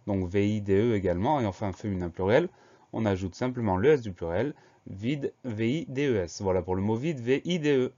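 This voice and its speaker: Low, mellow man spelling words slowly. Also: muffled recording. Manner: slow, spells words letter by letter. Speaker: teacher. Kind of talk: spelling lesson.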